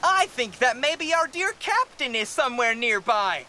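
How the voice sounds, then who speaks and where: A woman's voice: high voice, very animated, normal speed, sharp tone, slight background noise, exaggerated voice. A woman voicing a cartoon boy hero who is daring and teases the pirates. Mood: mischievous. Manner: playful and teasing. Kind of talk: cartoon voice acting. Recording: music underneath.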